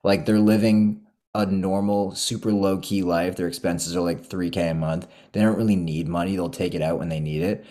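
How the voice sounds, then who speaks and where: Laid-back young guy, lower voice. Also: fairly even intonation, normal speed, hardly any pauses, mellow. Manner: laid-back, swears a lot, fills talk with "like". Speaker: podcast host. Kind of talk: casual chat.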